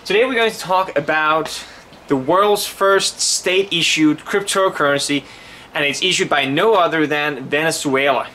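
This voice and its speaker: A man's voice: on the high side, sharp tone, a little hiss or hum. A man from Denmark hosting his own crypto channel, explaining in a casual, earnest monologue with frequent restarts and repeated words.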